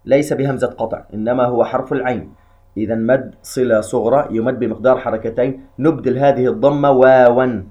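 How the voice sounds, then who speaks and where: A man teaching Quran recitation rules in a measured, patient way, slowly chanting short verse examples between his explanations. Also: mid-range voice, lo-fi sound.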